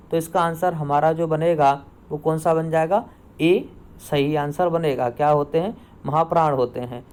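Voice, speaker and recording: A man's voice: on the high side, darkish tone, smooth. Man teaching, asking and self-answering. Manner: asks questions then answers them himself, repeats answers. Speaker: Hindi grammar teacher. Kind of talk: online exam-prep lesson.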